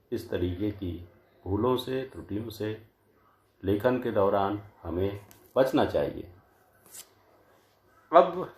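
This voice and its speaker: A man teaching a grammar lesson from slides, saying each word slowly and often twice so that wrong and right forms can be compared. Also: lowish voice, reverberant. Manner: slow, deliberate, says each word pair twice to contrast. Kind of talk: slide-based lecture.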